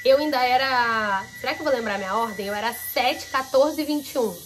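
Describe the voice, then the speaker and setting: High-voiced chatty young-sounding Brazilian woman. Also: a little fast, slight background noise, low-quality recording. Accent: Brazilian, Rio de Janeiro state. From Araruama, Rio de Janeiro state, Brazil. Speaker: vlogger, amateur competitive rider. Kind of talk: casual improvised vlog chat.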